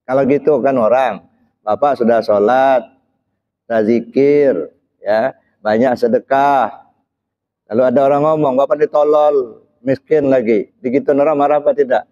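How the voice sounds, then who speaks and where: This Islamic preacher has a mellow, mid-range voice, fairly even intonation, a normal speed and frequent pauses. Engaging the crowd, he asks questions and pushes for answers with repeated short "ya" checks. The audio is slightly dull and muffled.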